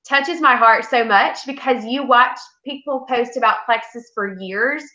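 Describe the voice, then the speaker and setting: A woman's voice: a little high, a little slow, sharp tone. A woman host chats casually and gushes with encouragement to her guest. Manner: gushing, effusive, encouraging. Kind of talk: casual interview chat. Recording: echoey, muffled room sound.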